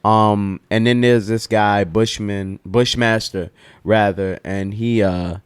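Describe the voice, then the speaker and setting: A man's voice: on the low side, steady tone, takes it slowly, clear, resonant tone, no echo. A man chatting casually on a podcast, playful and joking, swearing now and then. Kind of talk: casual chat about TV shows.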